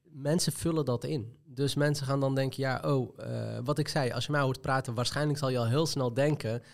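A man's voice: mid-range voice, steady tone, moderate pace, creaky. A man with an Amsterdam Nieuw-West accent, talking earnestly and reflectively in a casual discussion. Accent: Amsterdam Nieuw-West street accent. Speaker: panel guest. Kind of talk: casual chat.

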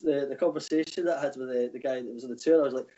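Speaking rapid-fire in a warm, medium-pitched voice with fairly even intonation, a male guest who works as a tour operator rambles casually through anecdotes. He's from the Glasgow area of Scotland and has a broad Glaswegian accent; the audio sounds muffled.

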